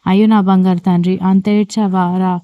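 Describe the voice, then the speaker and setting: A woman's voice: mid-range voice, level tone, brisk, clean tone, no echo, lo-fi sound, close to an everyday voice. A woman voicing a doting old grandmother who fusses tenderly over her grandson.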